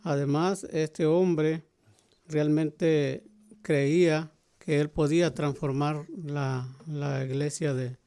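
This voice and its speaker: Co-host, male, mellow and slightly high, conversational, hunts for words. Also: fairly even intonation, slow pace. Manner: frequent affirming interjections, searches for words mid-sentence. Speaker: radio Bible program co-host. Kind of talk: Bible discussion chat.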